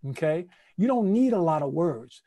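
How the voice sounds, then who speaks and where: Male playwright-teacher, high voice, animated, scats rhythms, casual workshop delivery. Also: moderate pace. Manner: conversational, repeats phrases for emphasis. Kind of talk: lively online workshop teaching.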